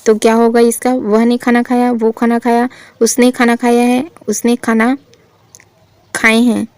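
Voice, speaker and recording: A woman teaching a Hindi grammar lesson for exam practice. She reads out sentences, asks her own questions and answers them in a steady, teacherly way. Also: on the high side, unhurried, clean tone, dry recording. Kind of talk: exam-prep lesson, reading and correcting sentences.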